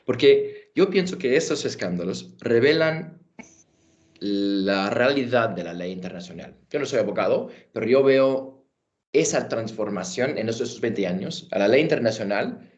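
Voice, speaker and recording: A man in his thirties with an American accent, a native English speaker giving a panel talk in halting Spanish, searching for words and mixing in English terms. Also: medium pitch, expressive, a little mellow. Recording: dull, lo-fi audio.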